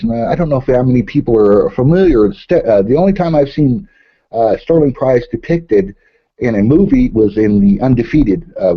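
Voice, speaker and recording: A man with a husky, slightly raspy voice co-hosts a political talk show. He makes his points emphatically but stops often to hesitate. The sound is dull and muffled, like a low-quality recording. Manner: emphatic, hesitant with frequent "uh" fillers. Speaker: co-host.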